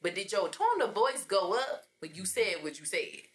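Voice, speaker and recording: A woman's voice: mid-range voice, very animated, normal speed. A woman co-hosting a podcast, explaining earnestly in casual chat. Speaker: podcast co-host.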